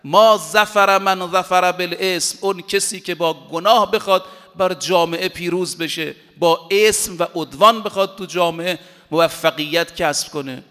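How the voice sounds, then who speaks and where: A man preaching a sermon in an emphatic manner, slowing down to recite Arabic quotations with deliberate weight. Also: fairly high pitch, fairly bright tone. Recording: long hall reverb.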